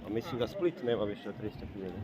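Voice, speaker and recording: A man's voice: lowish voice, expressive, very fast, very noisy. A man chatting casually, recorded from a distance. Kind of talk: casual chat.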